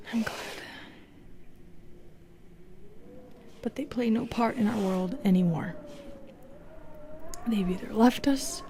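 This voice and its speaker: A woman playing a lonely, cursed Medusa in an audio roleplay, speaking slowly and haltingly in a hushed half-whisper. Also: mid-range voice, a little hiss or hum, lightly acted. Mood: bitter resignation. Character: modern Medusa, lonely cursed woman, bitter yet gentle. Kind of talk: intimate audio roleplay acting.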